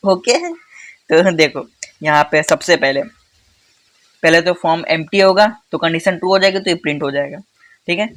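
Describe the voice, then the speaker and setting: A man teaching a casual coding tutorial who talks fast in a chatty way, calls viewers "bhai" and repeats phrases for emphasis. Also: on the high side, fairly bright tone. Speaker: coding instructor.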